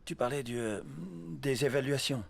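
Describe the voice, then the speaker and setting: A man's voice: mid-range voice, a little slow, vocal fry, husky, exaggerated voice. An actor dubbing a distracted husband in his fifties who talks hesitantly and apologetically. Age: 50s. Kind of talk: film dub.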